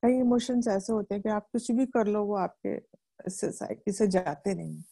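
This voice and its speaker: A middle-aged woman from India explains a self-help book to her viewers. She talks chattily, poses questions and answers them herself, and acts out the lines she quotes. Her voice is mellow and soft at the edges. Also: medium pitch, normal speed, vocal fry, slightly rough.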